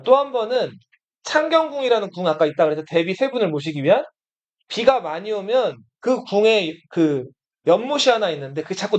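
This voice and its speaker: A man teaching history to a class. He talks in a casual, blunt way, asks the students questions and then answers them himself. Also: high-pitched. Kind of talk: classroom lecture.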